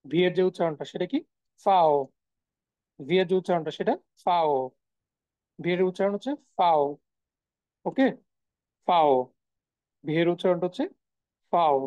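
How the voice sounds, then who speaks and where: A woman leads a live online class in a low, mellow voice. She drills each sound over and over and answers her own questions. The call audio is dull and lo-fi, with a dry sound and no room echo. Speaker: German language teacher. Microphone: video call.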